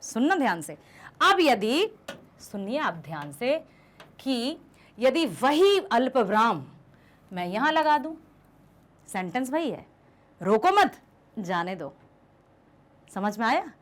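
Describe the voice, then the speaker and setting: A young woman teacher giving a lively revision lesson, asking her students questions and explaining patiently. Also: a little high, slow, long pauses. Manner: addresses students affectionately as "beta". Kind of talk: Hindi class revision lesson.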